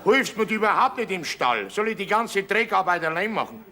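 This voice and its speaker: An actor playing a teasing, grumbling farm buddy with a Bavarian accent, theatrical and sarcastic in a folk theatre comedy. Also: male voice, high voice, animated, normal speed, noisy background.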